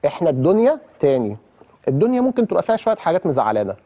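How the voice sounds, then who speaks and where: A man's voice: fairly high pitch, sing-song, very fast, highs cut off. A man with an Egyptian accent teaching children how to pray, quizzing and coaxing them with questions as he explains.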